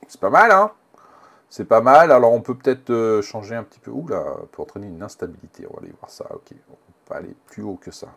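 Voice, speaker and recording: A man presenting a casual software tutorial, thinking aloud with many fillers and restarts. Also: on the low side, animated, brisk, vocal fry.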